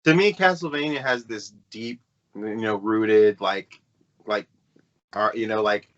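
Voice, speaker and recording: A man's voice: fairly low pitch, measured pace, a bit bright. A man co-hosting a gaming podcast, chatting casually and rambling with plenty of fillers and restarts. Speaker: podcast co-host. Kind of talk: casual chat. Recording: dull lo-fi podcast audio.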